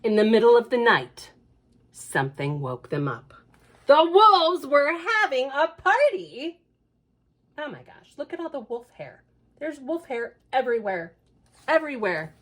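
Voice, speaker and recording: A children's librarian reads aloud at storytime in a female voice that sits a little high. She is expressive and lilting, full of life, and keeps slipping in chatty asides.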